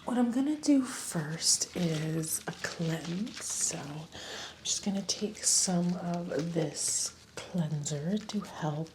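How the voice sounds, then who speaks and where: A woman whispers close to the mic in an unhurried, soothing ASMR roleplay, playing a friendly spa esthetician. Her voice sits a little low, and a steady hiss runs clearly under it. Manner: soft whisper, slow and soothing, chatty reassurance.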